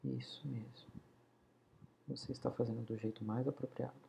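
Man, hypnosis guide, slow soothing delivery, dark gravelly voice, drops to whispers, faint hiss. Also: medium pitch, steady tone. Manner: slow, soothing, drawn-out counting, often near a whisper.

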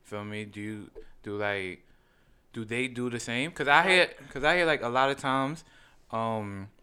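Bright, clear-voiced New man hosting. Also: medium pitch, measured pace. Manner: slangy, excitable, stop-start phrasing. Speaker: podcast host. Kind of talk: casual chat.

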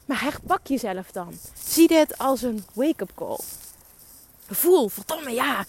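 High-voiced, urging woman coach. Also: no echo. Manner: emphatic, urging, swears for emphasis. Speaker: podcast host and business coach. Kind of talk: motivational monologue.

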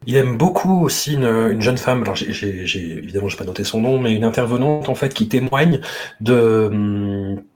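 Husky-voiced man hosting a podcast. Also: fairly low pitch, lively intonation, moderate pace, darkish tone, soft background music. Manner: reads prepared text smoothly, chats with hesitations. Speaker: podcast host. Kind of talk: podcast chat mixed with read-out commentary.

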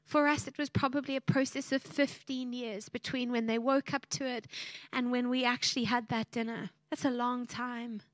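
A woman's voice: a little high, little pitch movement, moderate pace, no echo. A woman, preaching a sermon and telling a family story in a heartfelt, emotional way. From South Africa.

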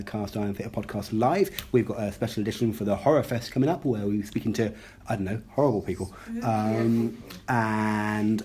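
A man's voice: mid-range voice, darkish tone. A man hosting a podcast live in a venue room, dry and self-deprecating, talking with many fillers. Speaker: podcast host. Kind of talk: live podcast chat before an audience.

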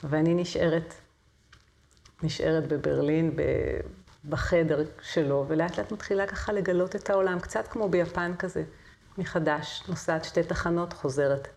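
Middle-aged woman, lower voice, telling stories. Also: fairly even intonation, vocal fry, a little mellow. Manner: vivid storyteller, hesitant fillers. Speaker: singer and voice teacher, guest. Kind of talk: conversational interview.

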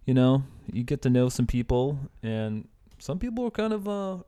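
A man's voice: mid-range voice, very animated, normal speed, dark tone, clean tone. A man in his thirties, a podcast guest, chatting casually in a laid-back, rambling way with frequent laughs. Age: 30s. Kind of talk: casual chat.

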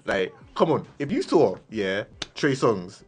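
A man's voice: lowish voice, big pitch swings, takes it slowly, breathy edge. A young man chatting casually in slang as a co-host, teasing and often repeating himself in agreement. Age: young adult.

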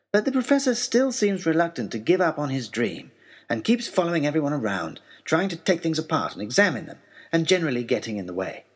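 In an audio story, a man plays an earnest, eager young gentleman adventurer reading out a letter in formal, wordy, wry style with deliberate pauses. His voice runs on the high side with a breathy edge.

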